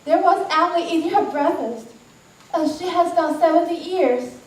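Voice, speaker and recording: A woman's voice: very high-pitched, moderate pace. A woman acting a worried mother who scolds her son on his wedding day in an amateur stage play. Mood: fretful. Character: fretful middle-aged mother on her son's wedding day. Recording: echoey hall, far from the mic, music behind.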